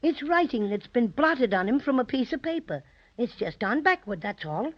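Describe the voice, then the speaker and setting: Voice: mid-range voice, big pitch swings, normal speed. An actor playing a friendly, clever little teddy bear in a 1930s children's radio serial, with a playful, showy manner. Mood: eager, confiding. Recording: muffled old 1930s radio recording.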